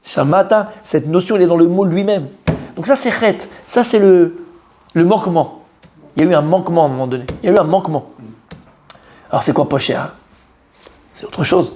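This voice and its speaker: With a high-pitched voice, a slightly fast pace and long pauses, a man teaches Torah in French. He quizzes his class energetically, returns to key points again and again and uses Hebrew terminology.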